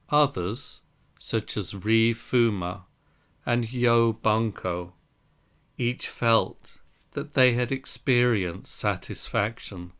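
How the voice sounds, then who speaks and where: A man reading a translated Buddhist scripture aloud in measured, deliberate phrases. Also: fairly low pitch, fairly bright tone, clean tone. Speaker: reader of a Zen Buddhist text.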